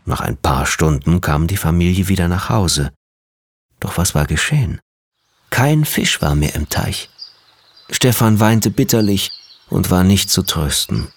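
A man reading a children's storybook aloud with gentle, lively storytelling. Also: low-pitched, a little slow, vocal fry, a little hiss or hum.

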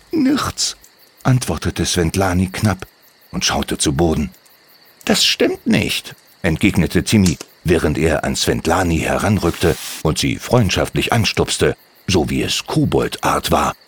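A man reading a children's story aloud with a very expressive delivery. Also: very deep voice, slightly rough. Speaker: narrator.

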